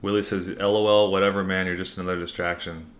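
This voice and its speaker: A man's voice: low voice, flat delivery, quick pace. A man hosting a casual livestream Q&A, reading out comments and answering in a laid-back, informal, rambling way. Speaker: livestream host.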